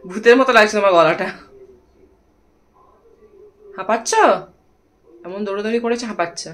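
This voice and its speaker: A woman's voice: mid-range voice, rapid-fire, a bit bright, poor audio. A woman vlogger talking tenderly to her pet parrot in a coaxing, affectionate way. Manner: coaxing, affectionate baby-talk to the bird. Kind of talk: casual talk to a pet parrot.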